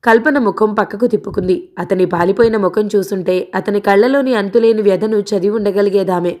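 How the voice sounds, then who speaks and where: A woman narrating a novel in a steady, expressive storytelling voice. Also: medium pitch, brisk. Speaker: audiobook narrator.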